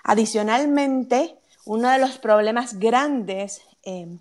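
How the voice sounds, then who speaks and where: A woman's voice: fairly high pitch, slow. A woman answering listener questions on wills as a legal expert, explaining step by step and checking in with a frequent "ok?". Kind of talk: explaining answers in a live Q&A chat.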